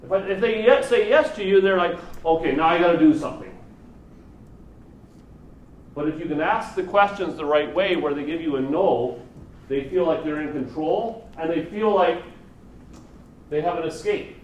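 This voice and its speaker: In a seminar room full of listeners, a fairly high-pitched man teaches negotiation and NLP informally, speaking at a moderate pace with long pauses and asking rhetorical questions. The mic is distant, giving a roomy sound with faint noise.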